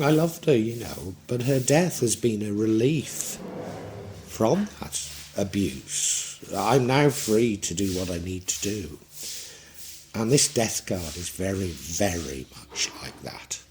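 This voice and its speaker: A man's voice: on the low side, expressive, slow pace, darkish tone, slight background noise. A man in his sixties giving a tarot reading in a reflective, rambling way with frequent restarts. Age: 60s. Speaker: tarot reader.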